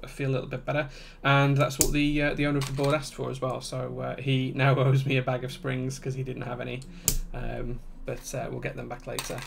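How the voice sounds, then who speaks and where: A man with a broad Yorkshire accent chatting casually as he hosts a livestream, relaxed and conversational. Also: medium pitch, fairly quick, vocal fry, few pauses, a little hiss or hum. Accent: broad Yorkshire English. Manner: relaxed, conversational, reading out chat comments. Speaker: livestream host and keyboard builder.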